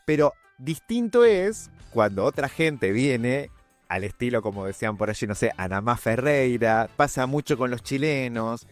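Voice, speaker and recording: A man's voice: mid-range voice, moderate pace, faint music behind. A man with a Patagonian Argentine accent, co-hosting a casual radio chat in a studio, musing aloud in a conversational way. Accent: Patagonian Argentine Spanish. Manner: conversational, musing, lively intonation. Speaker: radio co-host.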